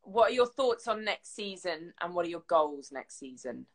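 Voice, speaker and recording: A woman's voice: on the low side, sing-song. A woman interviewer, reading fan questions in a chatty, upbeat manner on a live stream. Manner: chatty, upbeat, quick reactions.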